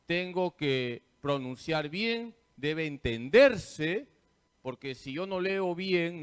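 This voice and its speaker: Slow, lively priest teaching. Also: male voice, fairly high pitch, clear, resonant tone. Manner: quizzes listeners with questions, then answers them himself; teacherly, repeats key points. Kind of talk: parish catechesis talk.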